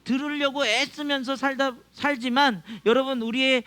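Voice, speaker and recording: A man's voice: extremely high pitch, steady tone, normal speed, bright, forceful tone. A male pastor preaching a sermon to his congregation, acting out quoted voices and chuckling often. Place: church.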